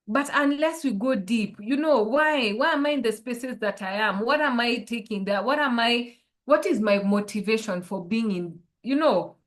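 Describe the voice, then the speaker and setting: A woman with a somewhat high voice speaks as a life coach in an online workshop. She poses reflective questions to her listeners. She is heard over a video call. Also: lively intonation, moderate pace, hardly any pauses.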